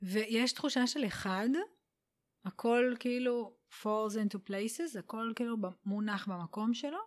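A woman guest on a podcast, explaining spiritual ideas in an unhurried, warm way and dropping in English phrases. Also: on the high side. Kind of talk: casual explanatory conversation.

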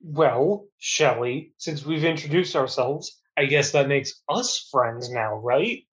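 A man's voice: mid-range voice, lively intonation, takes it slowly, a bit bright. A man playing a tabletop game, bantering casually on a dull, muffled recording.

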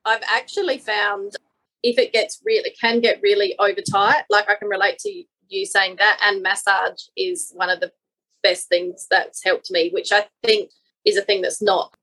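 A woman's voice: medium pitch, steady tone, moderate pace, bright, forceful tone, rough recording. A woman podcast host talking personally and a bit hesitantly in a podcast conversation.

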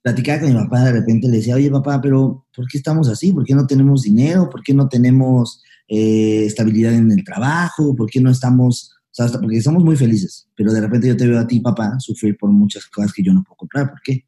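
Fast-talking Mexican man, dark voice. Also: medium pitch. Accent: Mexican Spanish. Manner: fast, slangy, acts out past dialogue. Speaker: guest, comedian. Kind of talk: candid storytelling interview.

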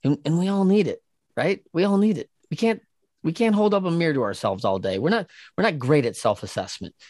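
Animated man telling sports stories. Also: a little high, brisk, no echo, clean studio sound. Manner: animated storyteller, acts out quoted voices, laughs often. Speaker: podcast co-host. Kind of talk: casual conversational chat.

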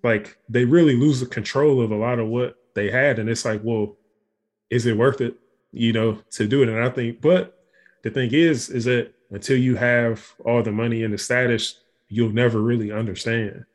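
A man's voice: medium pitch, fairly even intonation, normal speed. Man, podcast co-host, casual, restarts a lot, mid-range voice. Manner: rambling, frequent restarts and fillers. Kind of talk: casual conversation.

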